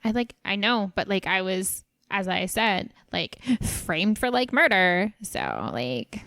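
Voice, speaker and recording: A woman's voice: mid-range voice, animated, slow, fairly bright tone, dry recording, studio quality, pitched below the performer's own voice. A woman voicing a scattered young valley-girl character in a tabletop role-play, packing every phrase with filler words. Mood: rambling.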